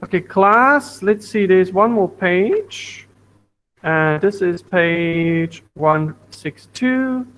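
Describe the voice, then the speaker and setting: A man's voice: sits high, lively intonation, drawn-out words, fairly bright tone, a little hiss or hum, rough recording. A man teaching a science lesson to a primary school class over an online video call, patient, repeating points and asking the class questions. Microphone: computer mic on video call.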